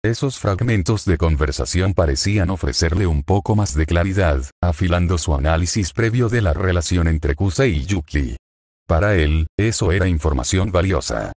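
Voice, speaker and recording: Deep-voiced man narrating a story. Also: lively intonation, moderate pace, darkish tone, no echo, clean studio sound. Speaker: fanfic narrator. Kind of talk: scripted narration.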